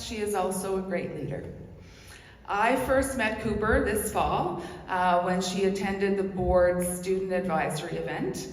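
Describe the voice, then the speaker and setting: A woman speaks as a presenter at a public event. She addresses the gathering earnestly in plain sentences. Her voice rings with echo in a large hall, and background noise is clearly audible. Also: mid-range voice. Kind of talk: spoken introduction at a public event. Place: large hall, over a microphone.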